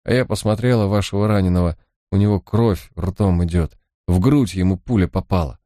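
A blunt, hard-faced female thief, as a man reads her, telling things flatly and without expression. The reader keeps close to his own deep voice, only slightly raised, dry and close. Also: brisk, no room sound, lightly acted. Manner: flat, blunt and matter-of-fact.

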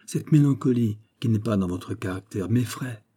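A man voicing D'Artagnan, a shrewd musketeer, teasing and quick-witted. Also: lowish voice, mellow, breathy edge. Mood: probing. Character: shrewd ironic male musketeer.

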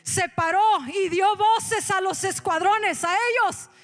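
A woman preacher acting out a mocking giant male warrior who loudly taunts an army. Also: very high voice, slow, full character voice. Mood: taunting. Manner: loud, scornful taunting.

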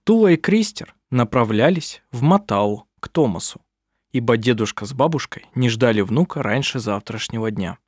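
A man narrating an audiobook in a lively, expressive scripted reading. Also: mid-range voice, moderate pace, no room sound, clean studio sound.

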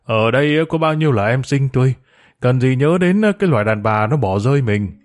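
A man voicing a loud, coarse, hard-drinking male gang boss in a storybook. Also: mid-range voice, expressive, a little fast, natural voice. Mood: boisterous.

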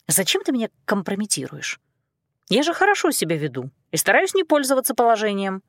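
Woman voicing a soft, coaxing young woman. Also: medium pitch, wildly swooping pitch, brisk, no echo, clean studio sound. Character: gentle but firm young woman student.

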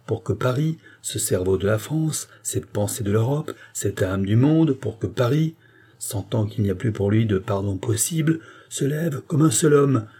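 A man's voice: medium pitch, dark tone, slightly rough. A man reading the part of a cold, scheming male occultist in an audiobook, with a sweeping, relentless oratorical delivery.

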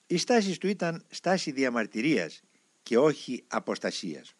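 A man reading a biography aloud as scripted narration, in a measured and expressive way. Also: medium pitch, dry recording.

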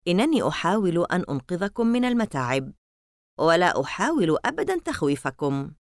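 A woman voicing a mysterious boy at summer camp who gives calm, grave warnings. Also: on the low side, brisk, no echo, studio quality. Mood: insistent.

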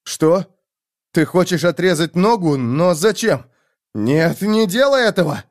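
A man's voice: sits high, expressive, measured pace, voice pushed up. A man voicing a panicking young man tied up over a fire, screaming, begging and threatening in pain. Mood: pleading. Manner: screaming, pleading hysterically. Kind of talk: audiobook character voice.

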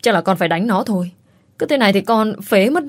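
A woman's voice: mid-range voice, animated, a little fast, natural voice. Woman doing a whimpering male servant. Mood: pleading. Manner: pleading, whimpering. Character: frightened whining male servant.

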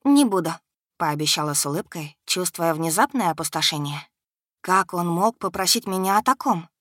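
A woman's voice: lowish voice, moderate pace, fairly bright tone, no echo, studio quality. A woman reading a first-person audiobook in a dramatic, tense storytelling manner. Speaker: audiobook reader.

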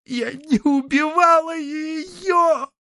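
Desperate shrill woman, a man putting her on, lively, bright, yelling. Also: moderate pace, no echo, full character voice. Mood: pleading. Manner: shrill, pleading, shouting. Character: desperate, furious woman seeking forbidden knowledge. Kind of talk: audiobook character voicing.

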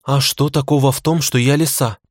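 A man voicing a young female fox spirit in an audiobook, calm and slightly aloof. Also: mid-range voice, moderate pace, dry recording, studio quality, pitched above the performer's own voice, lightly acted. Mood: cool.

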